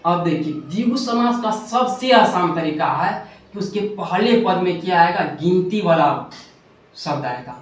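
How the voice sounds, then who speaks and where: A man's voice: high-pitched, expressive, measured pace. A man teaching a Hindi grammar lesson at a board, asking questions and answering them himself, often correcting himself. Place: classroom with a board. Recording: very echoey room, distant mic, faint hiss.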